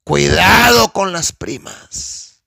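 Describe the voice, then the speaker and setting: A man's voice: sits high, drawn-out words, gravelly, no room sound, studio quality. A male pastor, preaching an emphatic, conversational teaching that addresses listeners as sister and brother. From Guatemala. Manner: conversational and animated, asks the audience for help. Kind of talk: sermon teaching.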